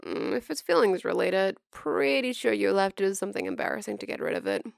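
A woman's voice: medium pitch, huge pitch swings, fairly quick, vocal fry, no echo, clean studio sound, heavily acted. A woman voicing a teasing, patient young man. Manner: gentle, teasing, humming.

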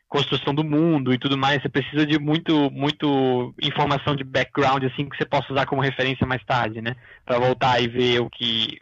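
A man's voice: mid-range voice, a bit bright, no room sound. A man co-hosting a casual chat about writing, loose and rambling with many fillers. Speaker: podcast co-host. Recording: dull, lo-fi dry sound.

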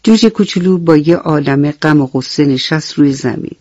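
A woman narrating a bedtime story on the radio, speaking gently and turning to the children listening. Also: deep voice, animated, no echo. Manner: gentle, addresses children directly. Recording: dull dry radio studio sound.

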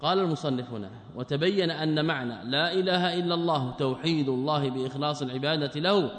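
Man, religious teacher, lecture, self-answering questions, higher pitch, reverberant hall. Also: fast. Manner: explains by asking and answering his own questions. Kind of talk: lecture on a theology text.

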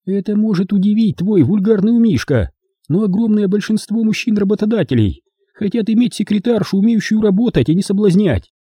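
A man's voice: high-pitched, lively intonation, brisk, dark tone, slightly rough, no echo, studio quality, voice pushed up. A man voicing a prim, prickly young woman secretary who speaks sharply and indignantly in an audiobook reading.

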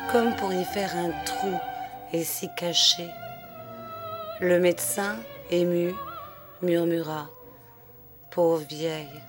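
Woman, audiobook narrator, slow, low-pitched, expressive, faint music under the reading. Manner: measured and expressive, slowing for dramatic moments. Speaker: audiobook reader.

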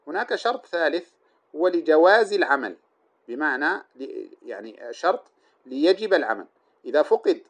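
A man teaching an Arabic grammar lesson, explaining step by step, repeating his examples and putting questions to his listeners before answering them himself. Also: a little high.

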